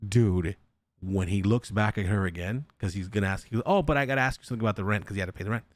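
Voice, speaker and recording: On a podcast, a young man races through a ghost story very fast in a voice on the low side. He's animated and casual, swears frequently, and acts out what the people in the story said.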